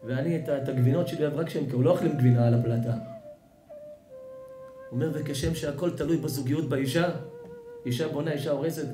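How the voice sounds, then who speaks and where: A man, a rabbi, giving an emotional sermon, swinging between loud outbursts and hushed storytelling. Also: a little high, steady tone, long pauses. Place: synagogue or event hall. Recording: echoey hall with music behind.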